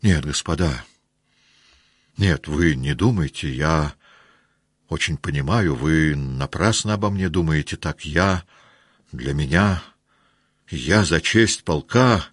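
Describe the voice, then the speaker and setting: A man's voice: extremely low pitch, expressive, slow pace, pauses often, slightly rough, no room sound, studio quality, full character voice. A man voicing a proud young count, earnest and flustered, pleading with his fellow officers.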